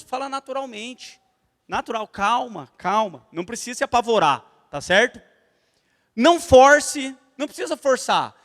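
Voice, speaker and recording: Very high-voiced Brazilian church teacher. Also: male voice, in a large hall. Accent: Brazilian Portuguese. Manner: lively storytelling that addresses the class directly. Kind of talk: church class lecture. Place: church hall.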